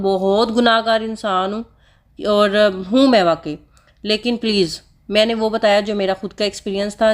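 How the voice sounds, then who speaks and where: A woman vlogger with school-age children, earnestly explaining a personal practice to viewers in a casual, repetitive, instructive way. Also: medium pitch. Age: adult with school-age children. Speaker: vlogger sharing personal religious advice. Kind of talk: casual heartfelt talk to viewers.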